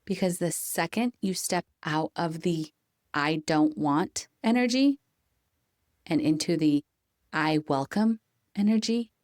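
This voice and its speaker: Calm low-voiced woman hosting a podcast. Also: dry recording, studio quality. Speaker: podcast host. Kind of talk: scripted motivational monologue.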